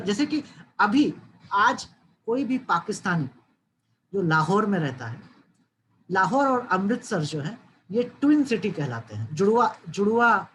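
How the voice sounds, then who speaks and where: A man's voice: high voice, a bit bright, slight background noise, poor audio. A man from Uttar Pradesh giving an online social science lecture, explaining step by step and often checking that listeners follow. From Uttar Pradesh, India. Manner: dry asides, jokes then says not to take it seriously.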